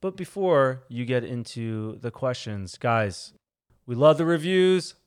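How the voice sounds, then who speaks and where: Smooth-voiced young man, playfully stubborn. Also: medium pitch, lively intonation, slow pace. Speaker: podcast co-host. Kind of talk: casual chat.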